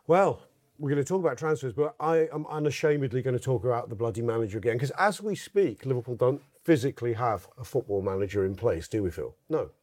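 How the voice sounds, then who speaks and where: A man's voice: mid-range voice, lively intonation, quick pace, darkish tone. Male podcast host, casual and jokey, mid-range voice. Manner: chatty, jokey, reads sponsor copy with asides. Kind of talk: casual football podcast chat.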